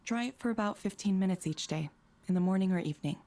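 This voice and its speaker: An actress playing a composed, neutral woman counsellor in a visual novel, with measured, professional delivery. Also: medium pitch, warm tone, lightly acted. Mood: calm, procedural.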